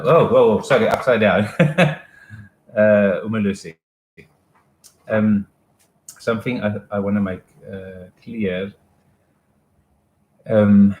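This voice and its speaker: A man gives advice in a relaxed, rambling way and often backs up to restart a thought. His voice sits a little low, and the room around him rings with noticeable echo. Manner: casual and explanatory, with restarts and asides. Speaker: education advisor. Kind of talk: live informational talk.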